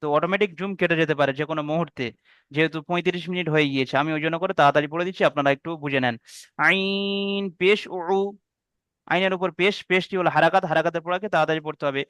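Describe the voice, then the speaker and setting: Man, reading teacher, online class, high voice, dry close sound, slow drilled syllables. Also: steady tone, a bit bright, smooth, no echo. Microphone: video call.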